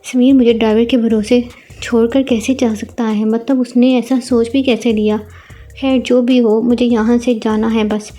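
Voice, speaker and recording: Woman reading a proud hurt young bride, slightly high voice, flat, storybook reading. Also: moderate pace, soft background music, close to an everyday voice. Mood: worried.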